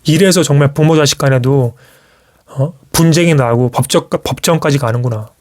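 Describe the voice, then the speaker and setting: A man with a medium-pitched voice speaks at a moderate pace over slight background noise. He's a YouTuber on a live stream, telling his viewers a personal story in casual speech that keeps restarting. He tells it with animation, acting out what his parents said.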